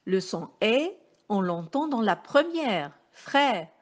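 A woman teacher with a Moroccan French accent giving a slow phonics lesson to young pupils, carefully articulating and repeating each sound. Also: mid-range voice, very animated. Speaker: primary school teacher.

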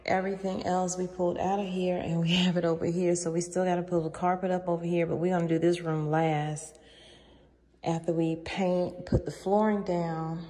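A woman's voice: on the low side, normal speed. A woman vlogger casually narrating a tour of her basement renovation while walking with a phone camera. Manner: relaxed, chatty, walking with the camera. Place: empty basement rooms of a house. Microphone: phone camera held while walking.

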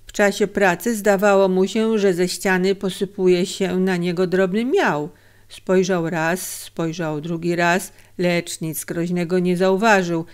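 A woman's voice: on the low side, fairly even intonation, unhurried, clear, resonant tone. A woman narrating a story aloud in a dramatic audiobook reading. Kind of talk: scripted narration.

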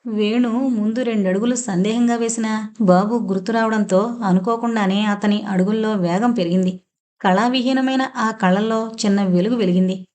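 A woman's voice: medium pitch, fairly even intonation, moderate pace, darkish tone. Woman narrating a novel audiobook.

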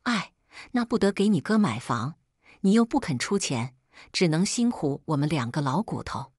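A woman's voice: low-pitched, very animated, moderate pace, darkish tone, husky, no room sound, clean studio sound, heavily acted. A woman narrator voicing a nagging, self-pitying older mother who sighs and complains. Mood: sighing. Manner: sighing, complaining.

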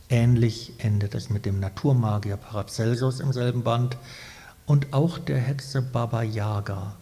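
A man hosting a literary evening, giving a measured, prepared commentary before a reading. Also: mid-range voice, warm tone. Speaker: host and moderator. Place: literary venue, live evening event. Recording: reverberant hall, live event.

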